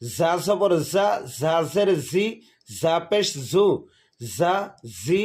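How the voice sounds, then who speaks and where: Guy teaching quran reading, slow sing-song drills, pretty high voice. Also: very animated, darkish tone. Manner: slow, drawn-out recitation of letter drills. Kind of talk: slow recited lesson.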